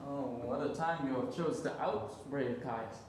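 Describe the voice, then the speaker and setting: A young man playing Brutus in a stage Shakespeare performance, speaking in an earnest, measured way, recorded in a very echoey theatre. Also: medium pitch, a little mellow, close to an everyday voice. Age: young adult. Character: Brutus, brooding conspirator. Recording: very echoey theatre, noticeable hiss.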